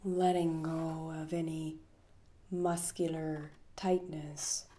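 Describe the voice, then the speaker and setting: Her voice is low, level and mellow as she leads a soothing guided meditation woven with poems. Long silences separate her lines, and each phrase ends in a breathy fade.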